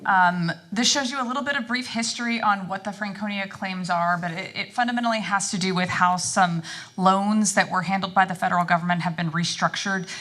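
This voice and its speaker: A woman presenting as an executive director, giving a semi-formal, halting explanatory briefing to a board. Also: mid-range voice, a bit bright. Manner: halting, explanatory, frequent ums and repeats.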